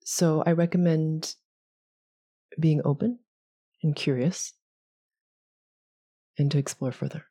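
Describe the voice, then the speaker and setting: A soft-spoken woman leading a guided meditation, speaking gently with long pauses. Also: sits low, steady tone, slightly rough.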